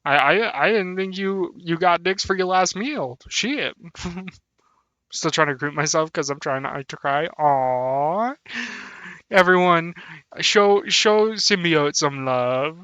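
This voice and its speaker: A man's voice: a little high, slow pace, sharp tone, smooth, no echo, lo-fi sound. A young man chatting casually on a live stream, laughing often and thanking his viewers. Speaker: VTuber streamer.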